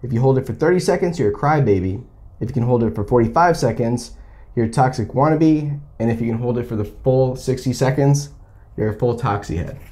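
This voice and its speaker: A woman's voice: a bass voice, brisk, mellow. A woman hosting a casual taste test, chatting while she sucks on sour candy. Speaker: host of a candy tasting video.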